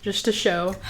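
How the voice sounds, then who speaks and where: A woman's voice: medium pitch, heavy background noise. A young woman hosting a vlog, chatting casually and laughing often while tasting hot sauce, cursing freely. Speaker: vlog host.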